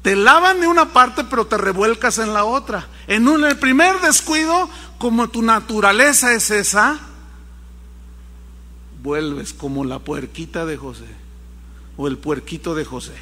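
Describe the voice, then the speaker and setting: A man delivers a sermon in an animated storytelling manner, acting out each character's lines. His voice sits high and moves widely in pitch. It rings out with a long reverb, as in a large hall. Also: a little slow. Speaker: pastor.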